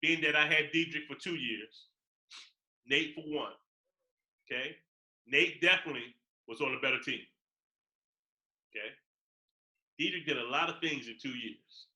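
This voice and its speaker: A man co-hosting a casual chat as a basketball coach, teasing and animated, often stammering as he restarts. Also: fairly high pitch, moderate pace, long pauses, rough recording.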